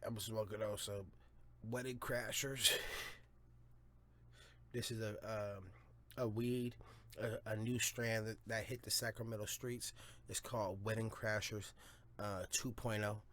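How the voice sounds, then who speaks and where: A man's voice: fairly low pitch, steady tone, unhurried, long pauses, fairly bright tone. A man hosting his own podcast in a rambling, profane, hyped-up monologue. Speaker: podcast host. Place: home studio or car, smoking a blunt.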